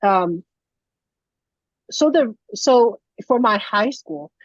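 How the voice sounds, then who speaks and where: A young woman from Taiwan draws out her words expressively as she gives a chatty, casual lesson with plenty of fillers and restarts. Her mid-range voice and Mandarin first language come through on dry, dull, lo-fi video call audio.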